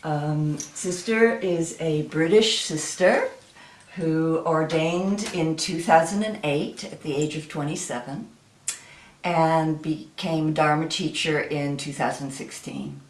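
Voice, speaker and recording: An American woman hosting an online event, introducing a speaker in a halting way with frequent ums. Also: low-pitched. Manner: slow, halting, with many ums. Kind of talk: warm formal introduction. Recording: roomy echo.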